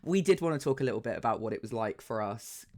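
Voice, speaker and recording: Man, around forty, mid pitch, chatty, animated, swears casually, podcast host. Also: fast talker. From south coast of England. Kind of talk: casual chat.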